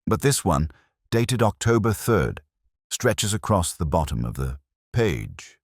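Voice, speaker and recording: A man reading an audiobook voices an uneasy Victorian private secretary who is polite, formal and precise. His very low voice is expressive and sing-song, slow in pace and heavily acted. The recording is dry.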